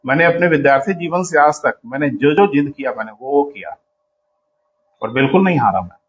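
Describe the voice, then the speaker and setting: A man's voice: a little high, lively intonation, a little fast, dull audio. A man teaching in a coaching class, lecturing students sternly and calling them "beta" as he explains.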